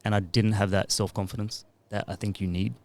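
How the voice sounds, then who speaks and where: A music producer and DJ in his thirties talks into a podcast mic for a casual interview, laid-back and rambling. His lowish voice is flat in delivery and fairly quick.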